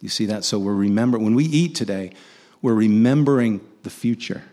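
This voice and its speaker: Preaching in a conversational style, this man has a lowish, mellow voice and a brisk pace. He earnestly asks rhetorical questions of his listeners and often restarts sentences.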